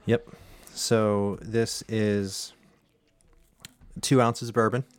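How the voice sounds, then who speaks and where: Low-voiced man explaining a cocktail. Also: level tone, clean tone, no room sound. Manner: explains recipes, halting with fillers. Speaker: home bartender host. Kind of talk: casual chat.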